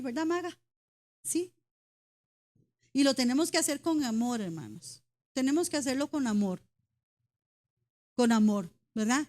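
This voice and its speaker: High-voiced woman preaching a sermon. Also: a little mellow. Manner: emphatic, repeatedly addresses the congregation as brothers; speaks as a mother, mentions her daughters. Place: church.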